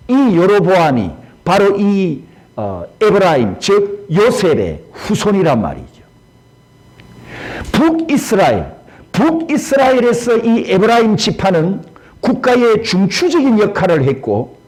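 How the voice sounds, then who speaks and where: Male pastor, sermon delivery, high voice, lots of melodic movement. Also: a little mellow, poor audio. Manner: explanatory preaching, addresses the congregation directly.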